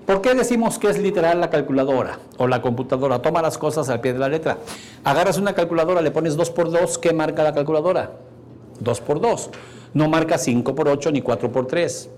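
A man's voice: a little high, slight background noise. A man teaching a seminar on neuro-linguistic programming, talking to the audience with jokey asides and acting out quoted lines. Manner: animated, acts out quoted computer dialogue, jokey asides to the audience. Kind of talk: live seminar lecture.

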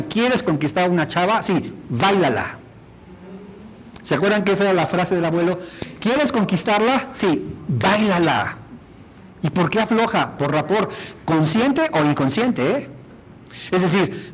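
A man's voice: fairly high pitch, slight background noise, poor audio. A man teaching a workshop on rapport, demonstrating and often asking the audience questions. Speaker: instructor.

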